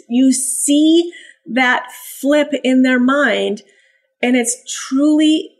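A woman who breeds and trains puppies talks casually on a podcast, her voice fairly high. She turns animated and sing-song whenever she acts out praise or puppy voices.

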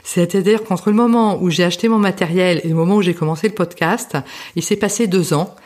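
A woman's voice: on the low side, a little fast, darkish tone. A middle-aged French woman hosting her own podcast, talking casually with frequent fillers and restarts. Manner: chatty, many fillers and restarts. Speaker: podcast host. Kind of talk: casual spoken monologue.

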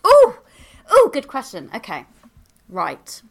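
A woman's voice: sits high, huge pitch swings, takes it slowly, gravelly. A woman, a podcast guest, giving chatty advice in a bubbly, exclamatory way with lots of fillers, speaking into a handheld microphone. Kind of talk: casual advice in conversation.

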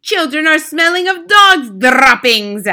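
A woman's voice: high voice, very animated, takes it slowly, sharp tone, voice pushed up, heavily acted. A woman voicing a furious, commanding female witch queen who screeches and thunders her rants.

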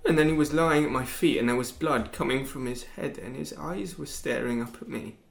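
A young man playing a bitter teenage boy accused of killing his father, talking in a sullen, cold and detached way that flares into shouts. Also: medium pitch, fairly quick, creaky, natural voice. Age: young adult. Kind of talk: stage drama acting.

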